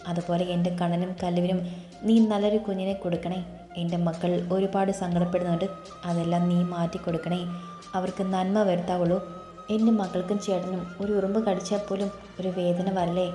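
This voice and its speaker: A woman voicing a caring, worried middle-aged mother who soothes and gently scolds, in a storybook reading with faint music in an echoey room. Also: fairly low pitch, little pitch movement, fairly quick, close to an everyday voice. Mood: praying.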